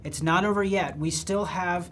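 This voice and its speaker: A host of a live stream, announcing results and schedules in an upbeat, casual way with fillers. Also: male voice, high-pitched, normal speed, a bit bright, slight background noise.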